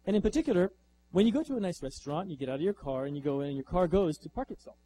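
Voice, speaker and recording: Lively male lecturer with a mellow voice. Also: high voice, very fast, slight background noise, rough recording. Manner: lively, conversational, rhetorical questions. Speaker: author giving a talk. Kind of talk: lecture with slides.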